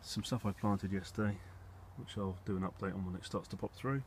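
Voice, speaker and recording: An Englishman gives a brisk, casual, rambling tour of his allotment and polytunnel, low-key and slightly hesitant as he thinks aloud. The handheld outdoor recording, from a phone or camera behind the lens, is noisy with wind and background rumble.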